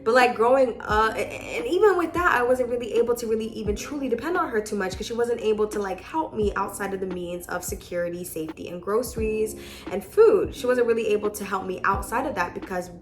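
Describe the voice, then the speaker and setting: A woman's voice: mid-range voice, brisk. A woman in her twenties chatting casually at home, telling a personal testimony with lots of filler words and repeats. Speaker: vlogger giving a testimony. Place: at home in her apartment living room.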